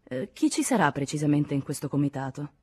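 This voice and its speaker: A woman's voice: low-pitched, sing-song, fairly quick, dark tone, breathy edge, exaggerated voice. A woman voicing a dry, sceptical middle-aged male writer who answers curtly, in an audiobook reading.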